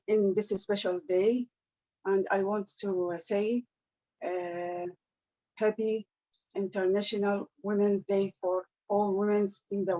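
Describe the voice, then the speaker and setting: Slow woman doing a cooking demo, muffled video call sound. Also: mid-range voice, darkish tone. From Iraq. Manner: slow, halting, careful English with many pauses. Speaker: cooking class presenter.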